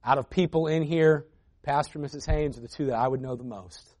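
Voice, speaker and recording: A man preaching a sermon as a guest preacher, moving between quiet intimate lines and loud emphatic builds, reading scripture aloud. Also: a little high, a little fast. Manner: reads scripture aloud between conversational asides.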